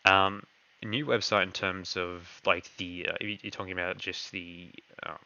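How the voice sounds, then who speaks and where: Hosting a live online Q&A, a crypto project's host answers the community in a low, fairly flat voice that's pushed and bright, at normal speed. He's losing his voice and keeps hesitating, packing his speech with fillers and "kind of." The sound is muffled.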